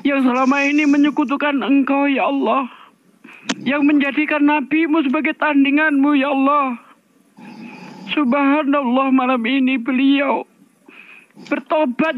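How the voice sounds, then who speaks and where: A man's voice: very high-pitched, slight background noise. A man leading a fervent spoken prayer, repeating a refrain after every phrase. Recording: thin, dry phone-line audio.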